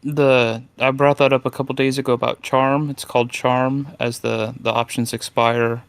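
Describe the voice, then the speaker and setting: Male trading-stream commentator, measured and explanatory, crisp dry sound with a creaky edge. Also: medium pitch, little pitch movement, no echo. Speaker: trader co-commentator on a livestream. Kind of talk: casual market commentary.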